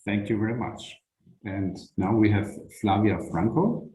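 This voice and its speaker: A man's voice: lowish voice, measured pace, mellow. A man moderating a video course, thanking speakers and calling on the next one, brief and courteous. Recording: echoey room.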